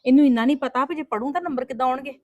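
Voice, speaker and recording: A woman's voice: sits high, darkish tone, no room sound, highs cut off, close to an everyday voice. A woman playing a strict but loving mother who scolds and coaxes her daughters in a family drama. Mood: scolding. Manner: quick, scolding, then coaxing. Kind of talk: homemade family drama acting.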